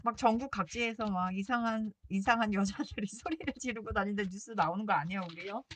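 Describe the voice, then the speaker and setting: Woman, casual crafting chat, playful, laughs a lot, medium pitch, faint typing behind. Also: quick pace, a little hiss or hum. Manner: playful, chatty, laughs often. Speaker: journaling vlogger.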